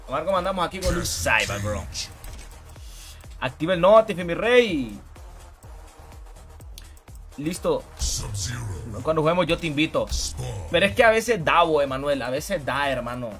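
A young man talks loosely through a live game stream, greeting viewers by name and calling them brother. His voice sits a little high. Loud game music plays behind him. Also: sing-song, moderate pace, pauses often. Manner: chatty, greets viewers by name, calls them bro and hermano. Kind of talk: casual live gaming commentary.

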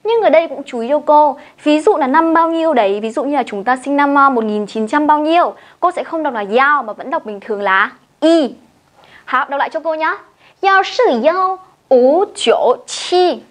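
A woman with a Vietnamese accent teaches Chinese in a classroom-style video lesson, her high voice animated and brisk. She breaks each point down step by step and has learners practice through repeated drills.

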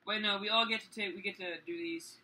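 A young man complaining and swearing loudly while joking with friends. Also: sits high, fairly even intonation, fast talker, rough recording. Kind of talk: casual chat among friends.

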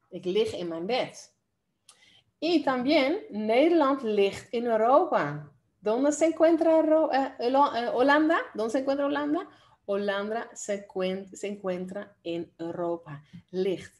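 A woman teaching an online language lesson, lively and playful, with a Dominican Spanish accent. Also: fairly high pitch. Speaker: Dutch teacher.

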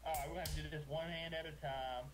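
A man's voice: a little high, fairly even intonation, fast, background noise. A young man joking crudely and wryly with a friend over a video game. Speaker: friend playing along. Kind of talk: casual gaming chat.

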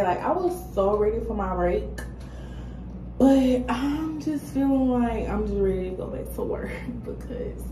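Slow-talking young woman venting, echoey room. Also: mid-range voice. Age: young adult. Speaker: vlogger. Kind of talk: casual chat, venting to camera. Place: small room at home, indoors. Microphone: phone or laptop at arm's length. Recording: roomy echo, clear background noise.

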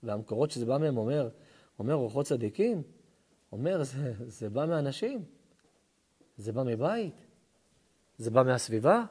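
A man giving a fervent Hebrew sermon as a rabbi, moving between forceful exhortation and soft, intimate storytelling. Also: mid-range voice, big pitch swings, long pauses, husky. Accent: Israeli Hebrew. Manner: impassioned, rising to near-shouts at the opening, then hushed and intimate. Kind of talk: sermon to a live audience.

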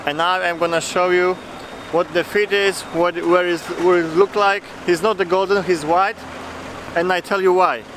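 Brief: high, playful man in broken English, off-mic outdoors with traffic noise around. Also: fairly even intonation, moderate pace. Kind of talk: excited joking tour chat. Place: outdoors at a hilltop monument.

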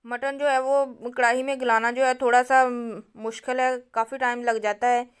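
Speaking straight to her viewers, a cooking channel host narrates a home recipe one step at a time in a calm, instructive way. Her voice is a little high, with a clear, resonant tone.

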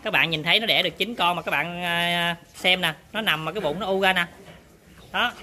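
High, bright-voiced farmer. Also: male voice, fairly quick, slight background noise. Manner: chatty, addresses viewers often. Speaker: pig farmer vlogger. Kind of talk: casual on-farm demonstration. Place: pig barn.

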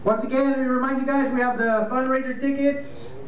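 A man's voice: extremely high pitch, level tone, brisk, a crowd in the background. A man hosting a comedy night in a small bar, making loose, rambling announcements and introducing the next comedian. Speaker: comedy show host. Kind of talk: emceeing a comedy open mic. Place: small dim bar stage, indoors. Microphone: handheld mic, filmed by a far camera. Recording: echoey bar filmed from far, lo-fi, noisy.

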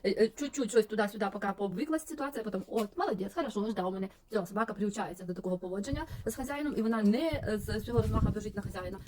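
A woman's voice: medium pitch, rapid-fire, hardly any pauses, a little mellow, a little hiss or hum. A woman giving practical, instructive dog-care advice in a monologue, with frequent hesitation sounds. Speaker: dog trainer.

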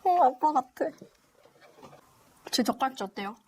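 A woman with a Gyeongsang accent banters cheekily as a guest in casual comic chat. Her voice sits high and leaps around with lively intonation. She talks back playfully. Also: a little slow, husky. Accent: Gyeongsang Korean. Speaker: YouTuber guest.

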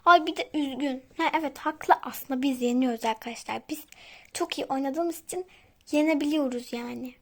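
A woman hosting a gaming channel, chatting excitably to her viewers as she plays. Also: high-pitched, moderate pace. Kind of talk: casual gameplay commentary.

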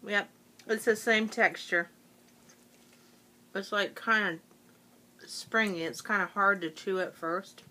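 A middle-aged woman talking straight to her viewers in a loose, rambling way. Her voice is bright and forceful, full of "um" and "like" as she goes. She sounds relaxed and homey, as if talking to friends. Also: mid-range voice, slow, long pauses. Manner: rambling, many fillers, chatty. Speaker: vlogger. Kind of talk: casual chat to camera.

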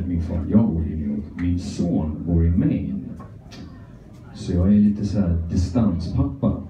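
A man's voice: low-pitched, a little hiss or hum. A middle-aged Swedish man doing a crude, rambling, self-mocking stand-up routine, talking out of one side of his mouth. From Sweden. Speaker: stand-up comedian. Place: comedy club stage. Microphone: phone camera from the audience. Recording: echoey, distant, muffled phone recording.

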